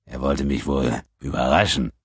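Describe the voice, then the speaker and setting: A man voicing a menacing, smug male space pirate in an audiobook, calm, growling and mocking. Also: a bass voice, normal speed, slightly rough, no room sound, clean studio sound, heavily acted. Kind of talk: audiobook character voice.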